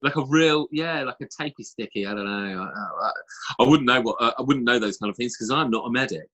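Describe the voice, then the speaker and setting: A man with a husky voice hosting a casual, chatty podcast. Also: medium pitch, a little fast, pushed and bright, rough recording. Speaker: podcast host. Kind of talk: casual chat.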